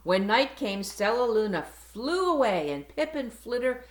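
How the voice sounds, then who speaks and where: A woman reading a picture book aloud to children, with a slow, expressive storytelling manner. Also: a little high. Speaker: school board director reading to children. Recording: roomy echo.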